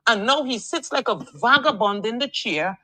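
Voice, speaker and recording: A woman's voice: fairly high pitch, expressive, normal speed, bright, forceful tone, no echo. A woman from Dominica, heard in a voice message played on air, complaining with passion and repeating words as she searches for them. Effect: recorded voice message played on air. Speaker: caller sending a voice note. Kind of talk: political call-in complaint.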